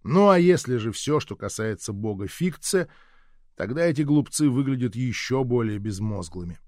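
A man doing a measured, sardonic scripted narration of an audiobook. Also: mid-range voice, animated, a little mellow, no room sound, clean studio sound.

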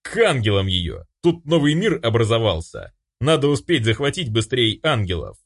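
A man's voice: medium pitch, wildly swooping pitch, normal speed, husky, full character voice. A man reading an audiobook voices a sly male demon who teases and smirks. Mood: teasing. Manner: teasing, smirking. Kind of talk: audiobook character voice.

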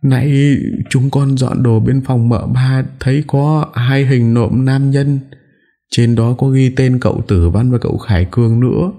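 A man's voice: medium pitch, fairly even intonation, a little slow, mellow, pitched above the performer's own voice. A male narrator voicing a panicked young maidservant who speaks in broken, breathless bursts. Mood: breathless alarm.

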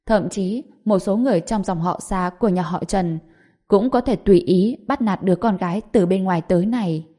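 A woman narrating a serialized story in a steady, even reading voice. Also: lowish voice.

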